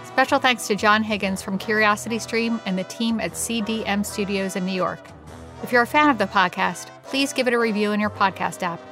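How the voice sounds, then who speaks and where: A woman hosting and narrating a scripted history podcast in a measured storytelling manner. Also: medium pitch, fairly bright tone, faint music behind. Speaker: host and narrator.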